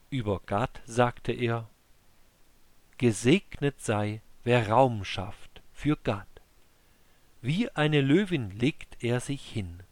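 A man reads scripture as an audiobook narrator, in an unhurried, solemn recitation. His pitch sits in an ordinary middle range, and he takes his time over each phrase. The sound is close and dry, with no room around it. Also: no room sound. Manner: slow, measured, solemn recitation.

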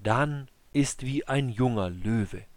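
A man reads scripture as an audiobook narrator, in an unhurried, solemn recitation. His pitch sits in an ordinary middle range, and he takes his time over each phrase. The sound is close and dry, with no room around it. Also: no room sound. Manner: slow, measured, solemn recitation.

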